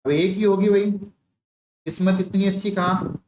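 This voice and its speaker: A man's voice: high-pitched, fairly even intonation, normal speed, darkish tone, a little hiss or hum. A man teaching an online nursing exam class, telling a story and quizzing his students with repeated questions. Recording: echoey room with faint ambience.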